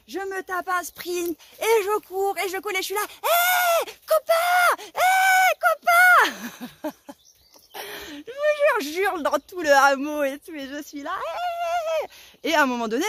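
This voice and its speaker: A young woman tells a story to her viewers in a high, lively voice that swoops up and down. Her speech is casual and full of slang, and she acts out her own shouting. The sound is dry and close. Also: dry recording. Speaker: vlogger.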